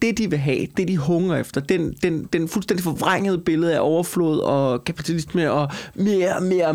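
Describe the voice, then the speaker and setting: This man, a comedian who co-hosts a talk show, argues casually with lots of animation and emphasis. He swears and piles on repeated phrases to make his case, and his voice runs on the high side.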